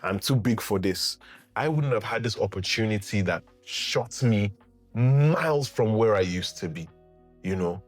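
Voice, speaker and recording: A young adult man with a Nigerian English accent, telling his own story to camera in a lively, casual way, laughing often and jumping up in pitch when he acts out what people said. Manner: animated, laughs often, acts out quotes with big pitch jumps. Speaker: actor sharing his story.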